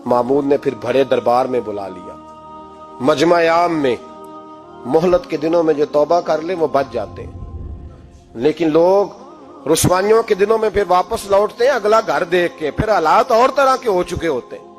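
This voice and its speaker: A man preaching a sermon and telling a moral story, with dramatic swings between loud emphatic peaks and hushed passages. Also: fairly high pitch, moderate pace, faint music behind.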